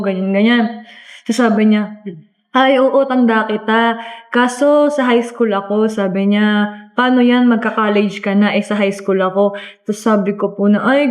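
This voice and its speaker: A woman's voice: on the high side, darkish tone. A woman in her twenties, a volleyball player, telling her story in a casual interview in an earnest, chatty way, with many fillers and polite address to the interviewer. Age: 20s.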